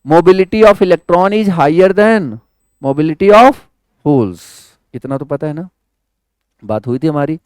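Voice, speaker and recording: A man gives an electronics lecture in a high, smooth voice. He keeps asking the class questions and answering them himself, switching into English for the technical words. The recording is close and dry. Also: lively intonation, slow, a little mellow, dry recording. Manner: quizzes students with repeated questions; mixes English terms into Hindi. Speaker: electronics teacher.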